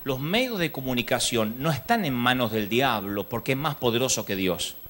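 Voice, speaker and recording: A man with a Rioplatense Spanish accent speaks at a moderate pace in a medium-pitched voice. Preaching a funny sermon at a live church conference, he tells lively stories and performs the dialogue himself.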